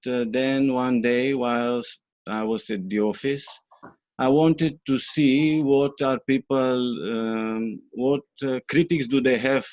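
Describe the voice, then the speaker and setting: Here a Bulgarian interview guest responds haltingly, leaning on plenty of fillers. He has a medium-pitched, somewhat dark voice, and the lo-fi recording sounds dull and dry with no echo.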